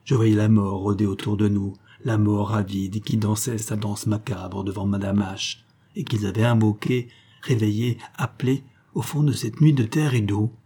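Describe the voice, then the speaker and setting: Dark, husky male audiobook narrator. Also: lowish voice. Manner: measured, calm, reflective first-person reading.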